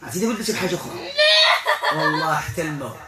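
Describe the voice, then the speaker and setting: A man with a Moroccan accent leading a ruqya exorcism session, questioning and commanding a spirit in a forceful, interrogating manner. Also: on the high side, expressive, rapid-fire, roomy sound, over loud music. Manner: commanding, interrogating, with Quran recitation. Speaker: ruqya healer.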